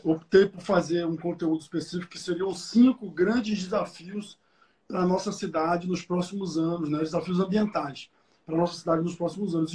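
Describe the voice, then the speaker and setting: A young man, talking casually as an interview guest, with many fillers and repeated words. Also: high voice. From Rio de Janeiro, Brazil. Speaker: guest, environmental engineer.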